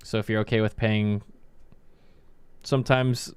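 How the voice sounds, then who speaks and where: A man's voice: flat delivery, a little slow, a little mellow, clear, resonant tone, dry recording. A young man, a card vendor, chatting casually and candidly, swearing freely. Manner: candid, swears freely, mimics people in high voices. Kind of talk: casual chat.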